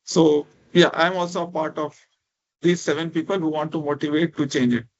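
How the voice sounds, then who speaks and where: A fairly high voice with fairly even intonation comes at a moderate pace over dull audio with slight background noise. The speaker is an Indian lecturer and speech technology researcher, first language a minority Indian language, giving an interactive online lecture in accented English that's casual and encouraging, with repeated "right?" and "you know."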